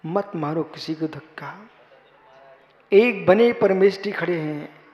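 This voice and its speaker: A man, a Jain monk, giving a sermon, repeating his phrases and building to loud, emphatic exhortation. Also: fairly high pitch, slow pace, highs cut off. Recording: reverberant hall.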